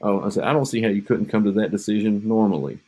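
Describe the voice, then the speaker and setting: A man co-hosting a podcast jokes and rambles in casual chat, drifting off mid-thought, while his home mic picks up an echo. His voice is lowish, mellow and slightly rough, and he talks at a quick pace.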